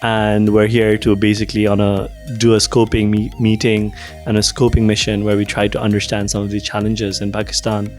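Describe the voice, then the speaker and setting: A man's voice: fairly low pitch, completely flat delivery, fairly quick, a little mellow, soft background music. A young man from Nepal, giving thoughtful, hedging interview answers full of "like" and "um". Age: young adult. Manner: thoughtful, hedging, many "like" and "um" fillers. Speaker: interview guest, researcher.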